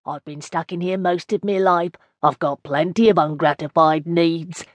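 A woman's voice: fairly low pitch, steady tone, moderate pace, no room sound, lightly acted. A woman reading an audiobook as a chatty woman in her seventies with an East End London accent, homely and rambling. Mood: wistful. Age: 70s. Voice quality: homely, rambling, dialect grammar. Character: frail chatty old East End woman, long institutionalised. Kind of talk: audiobook narration in character.

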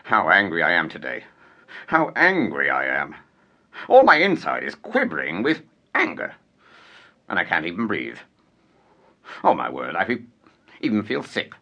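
A man's voice: low-pitched, huge pitch swings, measured pace, pauses often, sharp tone, heavily acted. An actor playing a blustering, irate male landowner who has come to collect a debt, ranting with theatrical outbursts. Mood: fuming. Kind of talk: stage play acting.

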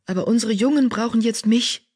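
A gentle young mother cat, played by a woman narrator, soft and sorrowful, her voice lifted higher. A fantasy audiobook reading. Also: brisk, slightly rough.

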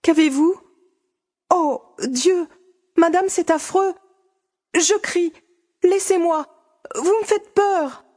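A woman's voice: high-pitched, normal speed, mellow. A young woman voicing a timid, innocent young woman in an audiobook drama, polite and hesitant, pleading. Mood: frightened. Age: young adult. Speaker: audiobook voice actor. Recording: long reverb.

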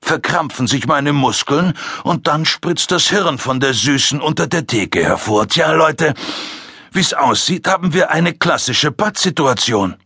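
A man voicing a calm, amused male serial killer who talks down to two cops in a mocking, drawn-out way. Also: a little high, husky, no echo, clean studio sound, voice pushed up, exaggerated voice. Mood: taunting. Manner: mocking, taunting, drawn-out delivery.

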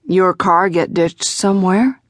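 A woman's voice: lowish voice, measured pace, no room sound, clean studio sound, lightly acted. A woman narrator voicing a cautious, curious man driving in a storm, asking plain questions. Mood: probing. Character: male driver, cautious and curious.

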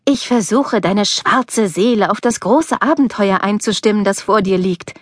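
A woman narrator voicing a sharp-tongued, idealistic young woman student with a wry, teasing manner, in an audiobook. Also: medium pitch, unhurried, no echo, studio quality, close to an everyday voice.

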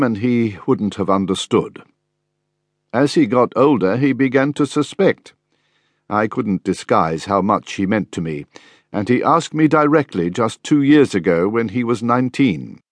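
A man playing a soft-spoken remorseful father. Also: on the low side, no room sound. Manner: soft, apologetic. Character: middle-aged father, gentle and remorseful.

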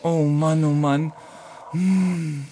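A woman voicing Serge, a vain, boastful rooster, in a children's audiobook; he drops French phrases and talks in a slow, theatrical way. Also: sits low, steady tone, mellow, slight background noise.

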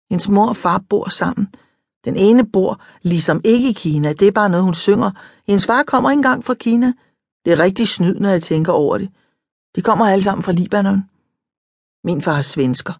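A woman narrating an audiobook in a calm, reflective first-person storytelling manner. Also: lowish voice, husky, no echo, studio quality. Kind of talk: scripted narration.

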